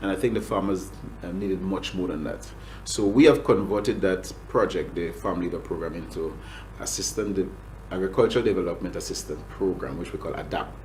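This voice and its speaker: A faint hum sits beneath the poor-quality recording of a Grenadian agriculture official giving interview answers. His very low, darkish voice moves briskly, yet he keeps halting, restarting and saying "um."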